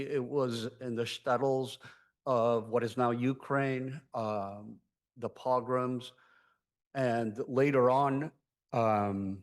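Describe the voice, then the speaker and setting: Slow, halting older man giving public comment. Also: mid-range voice. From Chile. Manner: halting, many ums and pauses. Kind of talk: public comment at a city meeting. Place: city council chambers.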